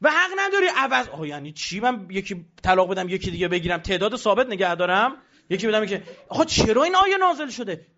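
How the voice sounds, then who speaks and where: A man giving an animated religious lecture, emphatic and rhetorical, now and then mimicking the voices of others. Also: high voice, muffled recording.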